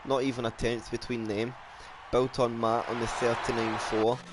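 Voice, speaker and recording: A man with a South African accent commentating an online racing league, calling out lap times in a brisk, chatty way. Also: mid-range voice, level tone, noisy background. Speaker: race commentator.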